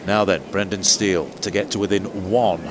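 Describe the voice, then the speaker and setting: A man commentating on live golf as a play-by-play announcer, moving between measured description and excited lifts. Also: low voice, background noise. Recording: commentary over music and outdoor ambience. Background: music.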